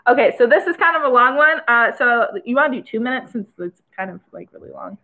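A woman's voice: a little high, animated, fast talker, sharp tone, low-quality recording. A young woman with a Michigan accent, casually hosting a trivia quiz and chatting between questions. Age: young adult. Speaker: trivia host. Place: small indoor room by a window.

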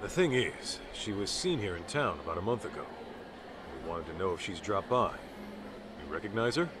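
A man's voice: low voice, animated, moderate pace, noisy background. An actor playing a casual, direct middle-aged male detective in a video game dub. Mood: polite, businesslike. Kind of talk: English game dub acting.

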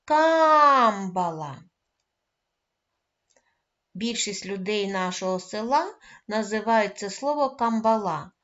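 A woman teaching a first-grade reading lesson, coaxing the children and praising them often, calling out words loudly and stretching their syllables. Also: mid-range voice, highs cut off. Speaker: primary school teacher.

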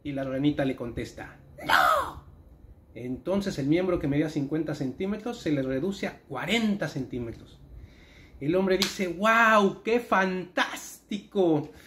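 Animated man telling a joke. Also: a little high, normal speed, a little hiss or hum. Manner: animated storytelling. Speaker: joke teller.

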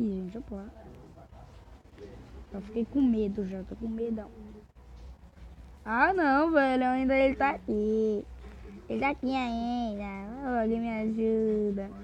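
A man with a Brazilian accent giving excitable, jumpy let's-play commentary to viewers. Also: sits high, normal speed, pauses often, a little hiss or hum. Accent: Brazilian Portuguese. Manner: excitable, jumpy, talks to viewers while playing. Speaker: gamer. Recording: dull lo-fi recording.

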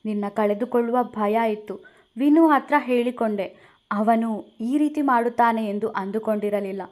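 A woman reading a young man caught in a rushed marriage, anxious and pleading. He speaks in a raised, slightly high voice. The delivery is heated rather than calm. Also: close to an everyday voice.

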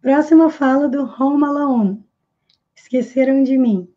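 A woman's high, mellow voice carries a Brazilian Portuguese accent as she teaches English. She deliberately slows to repeat each phrase, follows it with a translation, and the audio comes across as a bit dull.

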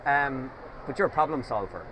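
Male interviewer, chatty and teasing, lapel mic in an outdoor expo tent, steady background noise behind him. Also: medium pitch. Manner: chatty, teasing, quick banter. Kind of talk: casual trade-show interview.

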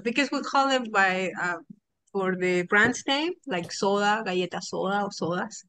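A woman's voice: mid-range voice, normal speed, sharp tone, no echo. Woman co-teaching over a dry call. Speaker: co-host and native-speaker teacher. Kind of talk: online class teaching. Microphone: video call.

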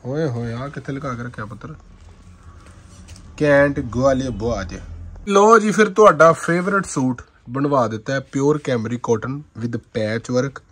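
A man gives informal, effusive shop sales patter, dramatic and full of drawn-out exclamations. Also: mid-range voice, a bit bright. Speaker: shop seller presenting suit fabrics. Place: indoor fabric shop with tiled floor. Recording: clearly noisy shop-floor phone recording.

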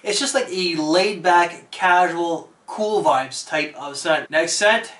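Upbeat guy doing a scent review vlog, high bright voice, kinda echoey room. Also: slow. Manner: enthusiastic, chatty, lots of fillers. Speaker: fragrance reviewer. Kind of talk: casual video review.

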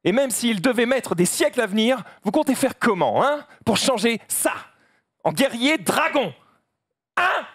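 A man's voice: very high voice, lively intonation, moderate pace, slightly rough, heavily acted. A man voicing a big, insecure, defiant young panda in an emotional amateur cartoon dub. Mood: desperate. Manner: emotional, exclamatory. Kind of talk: amateur dubbing of animated film.

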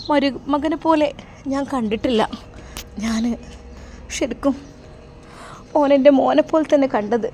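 A woman's voice: sits high, a little mellow, a little hiss or hum. A woman voicing a sorrowful middle-aged mother with a Malappuram accent, who complains in a plaintive tone. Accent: Malappuram Malayalam.

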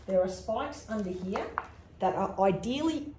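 A woman's voice: mid-range voice, lively intonation, a little slow. A woman chiropractor giving a casual, step-by-step demonstration, chatty and practical. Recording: echoey room, faint background noise.

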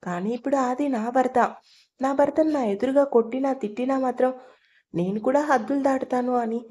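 Here is a young wife from an audio story who stands her ground with a firm warning, as a woman narrator reads her part. The voice is slightly high and mellow. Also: fairly quick. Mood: defiant. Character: defiant young wife defending her husband.

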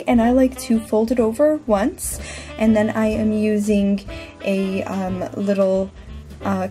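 A woman's voice: mid-range voice, dark tone. Chatty woman hosting a craft tutorial, music behind. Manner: chatty, informal. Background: background music.

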